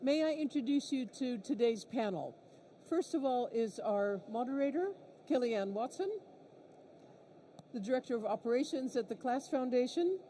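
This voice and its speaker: Friendly woman hosting a conference, mellow warm tone, introduces everyone on stage. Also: fairly high pitch, lively intonation, normal speed, slight background noise. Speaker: conference host.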